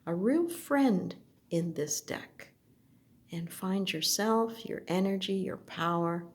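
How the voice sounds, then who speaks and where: A woman slowly looking through an oracle deck, speaking softly and at times dropping to a whisper. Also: lowish voice, animated. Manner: soft, slow, gently admiring, drifts into whispers. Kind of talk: slow unboxing commentary.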